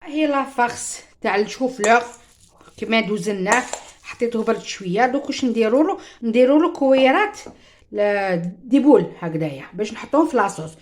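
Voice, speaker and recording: A quick, chatty woman with an Algerian Arabic accent walks viewers through a home recipe and slips French words into her talk. Her voice sits a little high, and a faint hiss runs under the recording. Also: lively intonation. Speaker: cooking show host. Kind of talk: home cooking demonstration.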